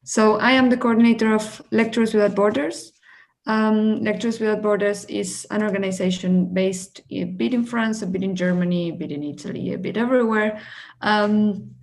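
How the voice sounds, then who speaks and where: A woman coordinating and hosting a webinar over a video call, speaking in a friendly way with frequent fillers. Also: medium pitch.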